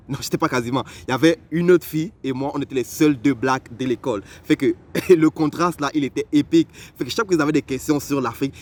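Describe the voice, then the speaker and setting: Fast-talking animated young man. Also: mid-range voice. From Africa. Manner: animated, conversational, addresses the listener directly. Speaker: vlogger. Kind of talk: personal storytelling.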